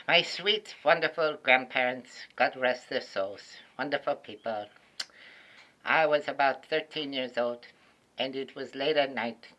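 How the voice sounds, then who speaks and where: A man doing stand-up storytelling in an animated, emphatic way, landing crude punchlines. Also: mid-range voice, lo-fi sound. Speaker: stand-up comedian.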